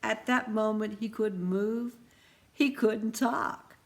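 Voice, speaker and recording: A woman reading a storybook aloud in an expressive, lively way. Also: on the high side, takes it slowly.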